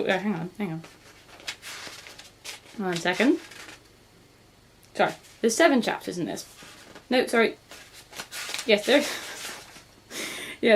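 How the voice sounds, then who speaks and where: Young woman, casual book vlog chat, rambling, self-correcting, laughs a lot, mid pitch. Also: slight background noise. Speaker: book vlogger.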